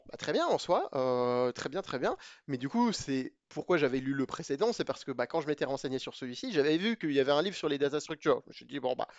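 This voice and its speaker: Man, casual book review, fairly high voice, halting with lots of fillers, talks straight to viewers, dull dry recording. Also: no room sound. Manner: hesitant, many fillers and restarts; chatty and opinionated, addresses viewers directly. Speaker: video creator reviewing programming books.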